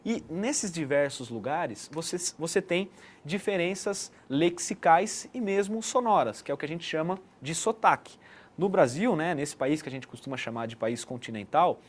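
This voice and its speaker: A man's voice: on the high side, expressive, moderate pace. A man giving an explanatory online lesson as a teacher, checking in with the listener often. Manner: didactic, frequent "né" tag questions.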